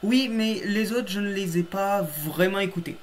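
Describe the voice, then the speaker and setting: A man's voice: sits high, moderate pace, slight background noise. A man hosting a casual reaction video, chatty and emphatic, often laughing at his own mistakes. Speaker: YouTube host reacting to his old episode.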